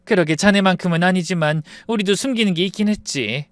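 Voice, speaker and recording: A man voicing a calm, cunning mother of the bride who speaks matter-of-factly. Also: high voice, a little fast, dry recording, pitched above the performer's own voice.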